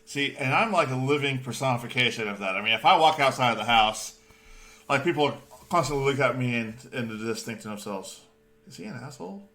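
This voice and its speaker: A man co-hosting a comedy reaction show, goofy and joking, loud at times. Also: mid-range voice, brisk. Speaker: co-host. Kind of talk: comedic banter podcast.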